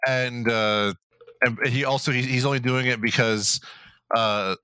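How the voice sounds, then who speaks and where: A man's voice: medium pitch, fairly even intonation, measured pace, pushed and bright, clear, resonant tone, no room sound. A man co-hosting a podcast in casual chat, rambling and profane with many restarts. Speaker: podcast co-host.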